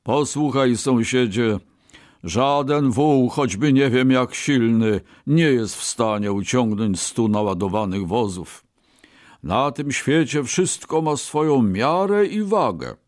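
A man's voice: medium pitch, expressive, takes it slowly, a little mellow, no room sound, studio quality, pitched above the performer's own voice. Man doing a scoffing rich merchant. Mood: lecturing. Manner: scoffing, lecturing. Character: rich, dismissive male merchant.

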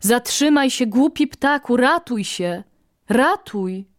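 A woman's voice: a little high, lively intonation, slow pace. A woman voicing a great golden eagle, a god who speaks with gravity and royal dignity, in a storybook reading. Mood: urgent. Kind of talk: storybook narration.

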